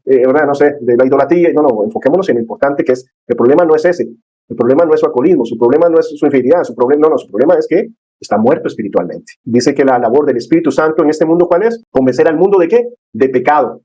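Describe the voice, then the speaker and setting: A man's voice: a little high, expressive, fast, mellow, low-quality recording. A man teaching a church discipleship class in an earnest, conversational way, checking in with his listeners constantly.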